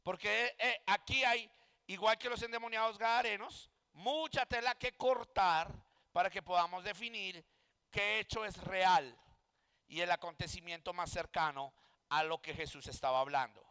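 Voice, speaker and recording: A man's voice: sits high, normal speed, pushed and bright, clear, resonant tone, long reverb tail. A male pastor teaching a Bible exegesis class, speaking emphatically, asking rhetorical questions and saying "amen" often.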